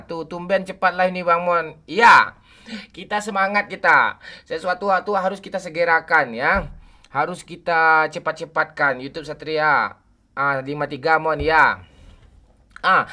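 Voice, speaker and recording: A man in his forties livestreams a game from a room at home at night, greeting viewers by name and trading jokes and teasing banter with the chat. His voice is on the high side with a sharp tone.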